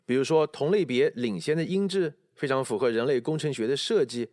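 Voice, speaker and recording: A man teaching English pronunciation, explaining and slowly repeating English phrases to show stress and intonation. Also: mid-range voice, a little mellow, no echo, studio quality. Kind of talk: pronunciation lesson with spoken examples.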